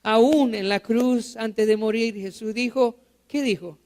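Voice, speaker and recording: A man's voice: high voice, slow, a little mellow. A male pastor preaching a sermon in church. He quizzes the congregation with rhetorical questions and repeats key phrases for emphasis.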